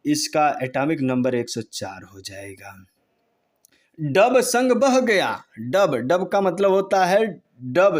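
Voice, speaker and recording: A male tutor drills chemistry mnemonics in a slow, deliberate lesson. His voice sits fairly high for a man. He repeats each word several times, rising in pitch on the words he wants to stick. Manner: slow, repetitive, sing-song drilling of mnemonics. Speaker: teacher. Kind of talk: chemistry lesson with memory tricks.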